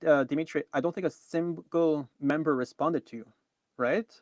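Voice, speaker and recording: A man's voice: fairly high pitch, steady tone, moderate pace, darkish tone, no room sound. Hesitant young-sounding man co-hosting a live show. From Canada. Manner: hesitant, many ums and restarts. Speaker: co-host. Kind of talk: live online news review chat.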